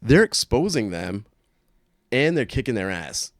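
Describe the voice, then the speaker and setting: A young man with a fairly low voice talks loosely on a podcast, swearing now and then and leaving sentences unfinished. The sound is dry and close, with no room around it. He rambles from one thought to the next in casual chat. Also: big pitch swings, unhurried, no echo. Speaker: podcast co-host.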